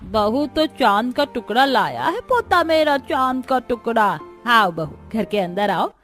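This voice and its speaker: A proud old grandmother from a cartoon family tale, folksy and quick to exclaim. Her voice is high and swoops up and down with feeling, over faint music in the background. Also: very animated, a bit bright. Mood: doting.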